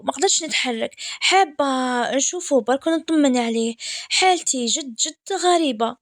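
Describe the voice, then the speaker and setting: A woman with an Algerian Arabic accent narrating a first-person story in a soft, intimate way. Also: sits high, no echo, clean studio sound.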